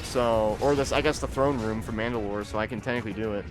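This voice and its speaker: A young man chats casually while live-streaming a video game, rambling and often repeating words as he starts his sentences. His voice is fairly low and quick, heard over music in a low-quality recording.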